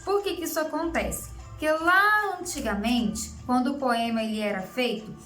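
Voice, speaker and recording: A woman's voice: sits high, moderate pace, sharp tone. A young woman teacher giving an online writing lesson, explaining patiently step by step and often checking in with her students. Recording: echoey room with faint music.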